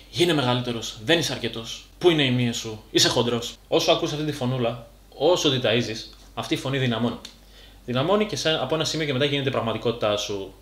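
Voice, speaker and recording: A man's voice: mid-range voice, fairly bright tone, echoey room. A man giving a casual, blunt monologue to camera, talking like a coach and full of slang. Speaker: fitness YouTuber.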